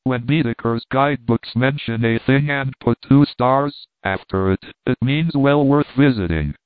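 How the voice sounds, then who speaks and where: A man's voice: medium pitch, measured pace, no echo. A man narrating an audiobook in a dry, wry storytelling manner. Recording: dry, tinny phone-like sound.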